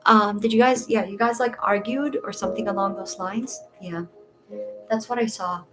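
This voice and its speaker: A woman from Egypt gives tarot readings live and chats casually with her viewers. She is reassuring and calls them dear, and clear background music plays behind her voice. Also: mid-range voice, steady tone, moderate pace. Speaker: tarot reader. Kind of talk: casual livestream chat.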